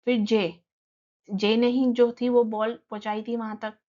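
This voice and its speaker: A woman teacher, explaining a textbook lesson and reading English lines slowly before she explains them. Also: on the high side, flat delivery, dark tone, highs cut off.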